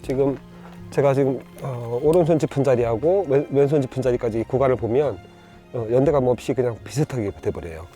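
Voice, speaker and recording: A man explaining bonsai pruning in a casual, halting way, full of fillers and restarts while he points things out, with soft music under his voice. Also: medium pitch. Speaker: bonsai grower. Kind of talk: casual instructional demonstration.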